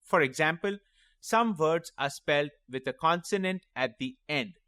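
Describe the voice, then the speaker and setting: A man teaching a children's phonics lesson, sounding out letters and words slowly and clearly and encouraging young learners. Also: on the high side, sharp tone, no room sound, studio quality. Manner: slow, clearly sounding out each letter and word.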